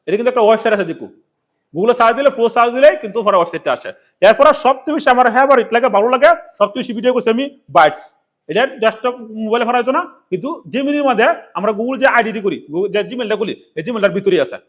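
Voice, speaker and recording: A man's voice: very high voice, fairly bright tone. A man giving a casual, rambling tutorial, often asking questions and answering them himself. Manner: rambling, repetitive, asks and answers his own questions. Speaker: tech tutorial presenter.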